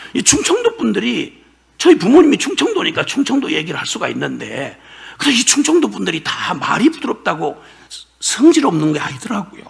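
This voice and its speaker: An older pastor from South Korea preaches a sermon, emotionally telling his testimony with bursts of shouting and laughter. His voice is high with vocal fry.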